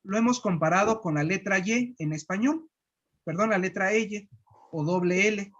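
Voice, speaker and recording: Un profesor de Guatemala que enseña pronunciación con calma, repitiendo sílabas despacio. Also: medium pitch, muffled recording. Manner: patient, repeats syllables slowly. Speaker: language teacher. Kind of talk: slow pronunciation lesson.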